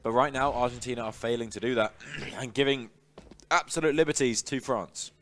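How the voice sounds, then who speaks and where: A man giving live esports match commentary, excitable and emphatic. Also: medium pitch, brisk. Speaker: esports caster.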